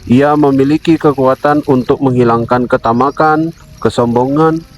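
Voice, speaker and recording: A man's voice: medium pitch, steady tone, a little hiss or hum, low-quality recording. Solemn man leading a devotional. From Indonesia. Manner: solemn, measured, addresses listeners as brother. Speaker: devotional speaker.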